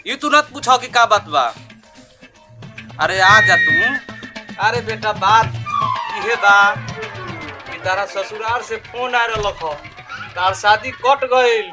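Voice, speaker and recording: A man's voice: high voice, animated, slow pace, pauses often. An actor playing a father who keeps shushing and comforting his weeping son, with music underneath. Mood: urgent. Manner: scolding, soothing.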